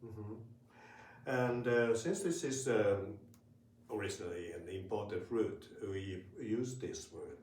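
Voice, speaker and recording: Man teaching a language, slow and hesitant, lots of fillers, echoey room. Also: on the low side, darkish tone, slight background noise. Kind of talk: casual spoken lesson. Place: room in Tokyo. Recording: roomy, from a distance.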